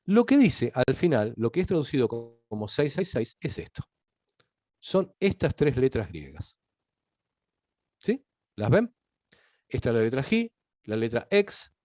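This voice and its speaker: A man teaching a recorded Bible lesson, explaining step by step and often checking with a quick question whether listeners follow. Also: mid-range voice, dark tone, no echo.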